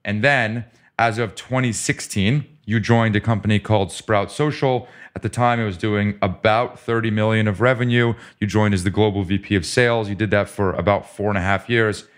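A man's voice: fairly low pitch, fairly even intonation, moderate pace, few pauses. A man hosting a business podcast interview, upbeat and joking as he reads out his guest's background. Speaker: podcast host. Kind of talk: casual interview.

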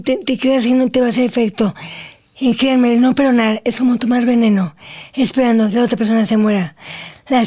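A woman, speaking slowly and deliberately as an interview guest telling her personal story. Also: a little high, warm tone. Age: 40s. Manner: slow, deliberate, earnest speech after recovering her voice.

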